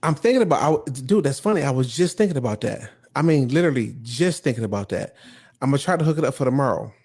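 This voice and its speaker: A man co-hosting a casual chat, relaxed and laid-back, with slangy talk. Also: mid-range voice, quick pace, slightly rough.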